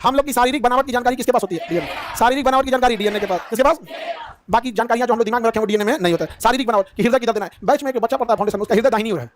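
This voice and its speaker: A male teacher drilling a class at high speed, firing off questions and often shouting the answers himself. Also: very fast. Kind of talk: rapid-fire classroom quizzing. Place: classroom with students. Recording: noisy crowded classroom.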